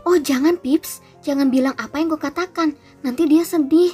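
A woman's voice: high voice, steady tone, a little fast, a little mellow, faint music behind, pitched above the performer's own voice, close to an everyday voice. A woman voicing an anxious schoolgirl who hurries to placate others in a storybook reading. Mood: flustered. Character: bookish schoolgirl, anxious and eager to smooth things over.

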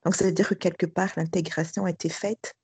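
A middle-aged woman speaks in a low, husky, gravelly voice with a dark, mellow tone. She gives a personal testimony hesitantly, pausing on fillers and restarting her phrases. The recording is dry and close. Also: flat delivery, no echo. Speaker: school director. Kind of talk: testimony interview.

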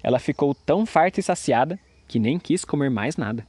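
A man's voice: on the high side, expressive, fairly quick, a little mellow, husky, no echo. A man narrating a fairy tale expressively, doing voices for the figures.

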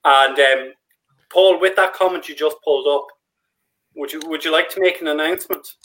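A man hosting a casual sports fan podcast, relaxed and friendly, with frequent restarts. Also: a little high, normal speed, poor audio. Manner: relaxed, stumbles and restarts, friendly shout-outs. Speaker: podcast host.

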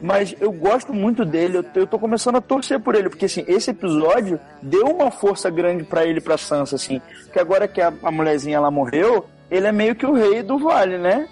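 A Brazilian man co-hosts a casual chat in a fairly high voice. He jokes around in a laid-back way. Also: lively intonation, fairly quick, few pauses, a little mellow, faint music behind. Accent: Brazilian Portuguese. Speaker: podcast co-host.

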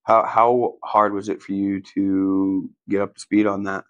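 A male podcast host with a lowish voice who talks with upbeat energy. He nudges his guest's stories forward and chimes in to finish their sentences. The recording is close-miked and dry. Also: level tone, a little slow, no room sound, muffled recording. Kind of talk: casual interview chat.

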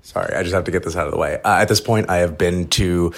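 A man breaking in with a quick, apologetic aside in casual chat. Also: low voice.

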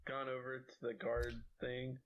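A man's voice: mid-range voice, monotone, unhurried, muffled recording. A man playing a tabletop game, talking in a rambling, hesitant way with many fillers. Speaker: player. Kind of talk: casual chat while playing a tabletop game.

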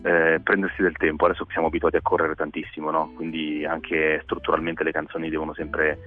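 Deep-voiced male musician heard over a tinny phone line, from Milan, relaxed and reflective. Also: fairly quick. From Milan, Italy. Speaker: musician guest, singer. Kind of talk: phone interview on radio.

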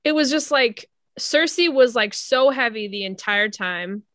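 A woman's voice: a little high, unhurried, no room sound, clean studio sound. A woman co-hosting a podcast, chatting casually and opinionated, filling her talk with "like". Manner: animated, opinionated, lots of "like". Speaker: podcast co-host. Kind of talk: casual chat.

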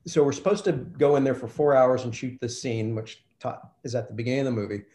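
A man's voice: mid-range voice, quick pace, a little mellow. A man, a film director, telling a behind-the-scenes anecdote in an interview and acting out the quoted exchanges. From Kentucky. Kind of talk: storytelling interview chat. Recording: roomy echo.

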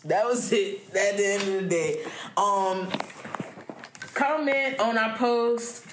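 A man's voice: high-pitched, takes it slowly, noisy background. A man co-hosting a casual podcast, laid-back and laughing. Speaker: podcast co-host. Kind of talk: casual chat. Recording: echoey room.

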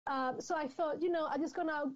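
A Spanish woman in her thirties, a guest author in an interview, speaks English as a second language with a Spanish accent. Her high voice moves briskly with fairly even intonation, and she laughs often, chatting frankly in this conversational exchange. The recording sounds dull and lo-fi.

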